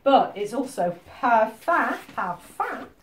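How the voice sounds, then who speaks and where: A woman's voice: a little high, big pitch swings, slow. A woman teaching a mosaic workshop, explaining each step in a chatty, joking way to the students around her. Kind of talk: hands-on demonstration to a class.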